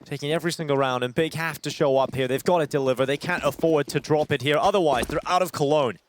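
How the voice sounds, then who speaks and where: A man's voice: a little high, quick pace, music in the background. A man working as an esports caster, calling live play-by-play in dramatic, punchy short phrases. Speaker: esports commentator. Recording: game gunfire and clicks behind voice. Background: game gunfire and clicks.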